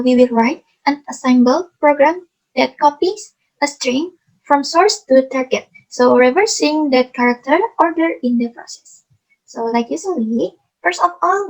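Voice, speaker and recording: A young woman from Indonesia presenting a class coding project, in halting, simply phrased speech. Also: sits high, lo-fi sound. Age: young adult. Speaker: student presenter.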